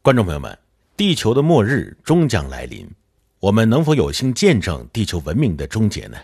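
A man playing a glib television news anchor with smooth announcer delivery, in an audio drama. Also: on the low side, huge pitch swings, a little fast, darkish tone, exaggerated voice. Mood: announcing.

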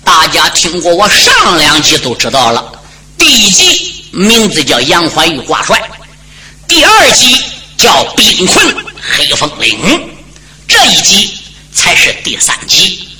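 Dramatic male storyteller, bright and lively, roomy recording. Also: high voice, measured pace, a little hiss or hum. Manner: dramatic, animated, addresses listeners directly. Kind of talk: traditional Chinese storytelling.

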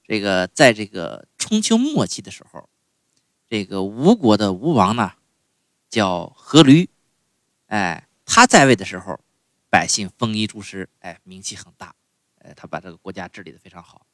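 Lively, low-voiced male storyteller. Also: normal speed, no room sound, clean studio sound. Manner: chatty, lots of "哎" and "对吧" asides. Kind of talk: comic folk storytelling.

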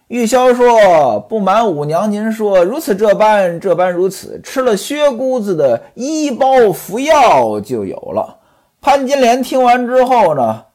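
A storyteller telling a classic tale in a traditional oral style, chatty and lively, with a pitch that climbs and dips all the time. The voice is slightly husky, and the teller often turns to the listeners with asides.

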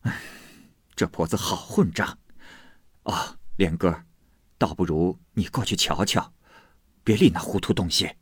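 A man's voice: deep voice, unhurried, long pauses, breathy edge, dry recording, clean studio sound, exaggerated voice. A man reading aloud voices a stern, impatient noble matriarch who scolds sharply. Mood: scornful.

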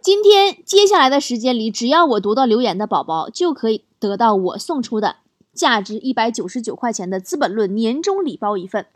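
A woman's voice: on the high side, sing-song, brisk. A woman hosting a chatty show, playfully reading out listener jokes and teasing her audience. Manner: playful, teasing, laughs between stories. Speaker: radio-style host reading listener messages. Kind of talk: casual chat, reading jokes aloud. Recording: noisy recording.

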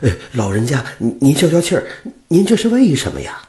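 A man's voice: medium pitch, sing-song, a little fast, a little mellow, voice pushed up, natural voice. A man voicing a kind-hearted young butcher who talks earnestly and stammers a little. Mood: pleading.

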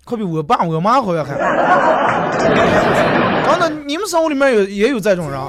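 A man's voice: high voice, very animated, fairly quick, loud music behind the voice, a loud crowd. A male radio host talking casually on air, telling stories and acting out the people he quotes. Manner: chatty storyteller who acts out the people he quotes. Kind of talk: casual radio talk monologue.

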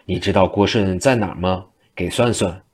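A man's voice: low-pitched, normal speed, slightly rough. A man doing a polite young male hero. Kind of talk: traditional storytelling.

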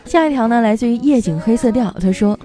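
A woman's voice: on the high side, fast talker, warm tone, a faint crowd. A woman host reading listener jokes in a comic style, slipping into character voices for the quotes.

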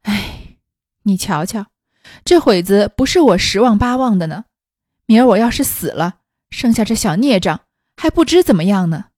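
A woman's voice: mid-range voice, sing-song, normal speed, a little mellow, dry recording, studio quality. A woman voicing a proud, ailing young noblewoman in her twenties who speaks in a scornful, cutting, weary way. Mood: bitter. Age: 20s.

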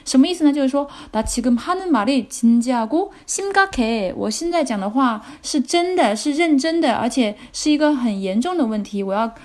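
Brisk woman teaching drama phrases. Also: high voice, expressive, a little mellow. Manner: repeats phrases slowly, then explains them. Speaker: language teacher. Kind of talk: language lesson explaining drama lines.

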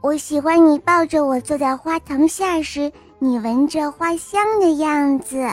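A woman's voice: high-pitched, measured pace, faint music behind, voice pushed up. A woman voicing a sweet, affectionate little bunny child in a storybook, cooing and childlike.

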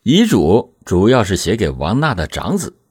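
A man hosting and narrating a scripted true crime program in a measured, suspenseful storytelling manner. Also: fairly low pitch, huge pitch swings, darkish tone, slightly rough, no echo, studio quality.

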